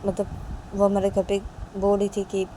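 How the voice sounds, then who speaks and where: A woman's voice: medium pitch, monotone, normal speed, mellow, close to an everyday voice. A woman voicing a shy, tomboyish young woman who stammers and hesitates, with traffic noise behind. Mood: hesitant.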